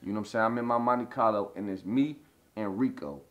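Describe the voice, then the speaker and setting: A man's voice: on the low side, brisk, fairly bright tone, lo-fi sound. A man in his thirties telling a long personal story in a casual interview, rambling with lots of "you know what I'm saying" and swearing. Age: 30s. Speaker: interview guest.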